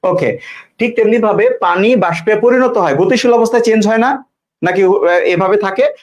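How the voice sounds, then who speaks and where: Guy teaching english live, highish voice, keeps asking the class questions, jokes with commenters. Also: moderate pace. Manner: repeats key points and quizzes viewers with questions; casual, teasing asides to commenters.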